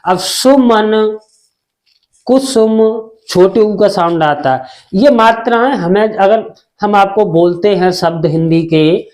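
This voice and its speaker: At a measured pace, a man with a high voice and darkish tone teaches Hindi spelling slowly, stretching and repeating syllables and answering the questions he poses himself.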